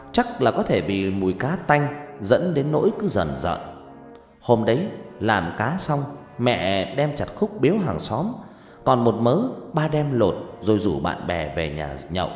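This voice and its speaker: A man narrating a first-person ghost story dramatically. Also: mid-range voice. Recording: echoey reverb with background music.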